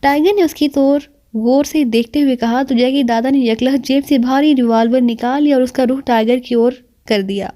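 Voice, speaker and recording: A woman narrating a crime thriller novel aloud with steady, dramatic storytelling. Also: sits high. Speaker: audiobook narrator. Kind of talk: novel reading.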